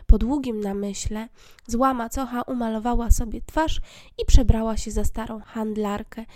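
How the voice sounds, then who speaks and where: A woman reading a fairy tale aloud in a gentle, even storybook manner, with a few small slips. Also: a little high, moderate pace, no room sound, studio quality.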